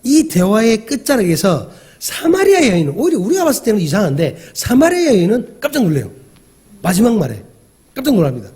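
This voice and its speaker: Preaching in a conversational style, a male pastor speaks briskly in a high, husky, darkish voice with huge swings in pitch. He keeps asking the congregation questions and performs the quoted dialogue he recounts.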